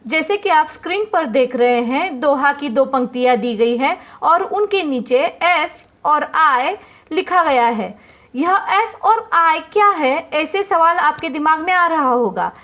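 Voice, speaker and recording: A woman with a high voice teaches a class lesson, slow and unhurried. She explains patiently, step by step, and goes over each point again for her students. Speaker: Hindi teacher. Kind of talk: explaining poetry meter to students.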